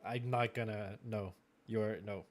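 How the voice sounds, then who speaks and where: A man with a French Canadian accent hosting a racing league draft, chatty and quick to laugh, with plenty of fillers. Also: fairly low pitch, steady tone. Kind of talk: live-streamed draft commentary.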